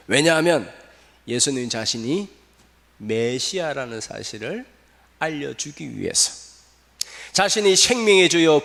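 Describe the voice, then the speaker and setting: A male pastor preaching a sermon in a church, animated, often asking the congregation questions. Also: mid-range voice. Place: church sanctuary. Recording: long reverb of a church hall.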